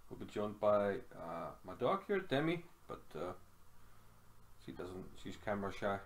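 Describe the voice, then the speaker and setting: Middle-aged guy from iceland walking thru a chess game at his desk, lowish voice, lots of uhs. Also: measured pace, a little hiss or hum. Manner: relaxed, thinking aloud with frequent fillers. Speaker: chess commentator. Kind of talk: casual chess game analysis. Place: small room at home.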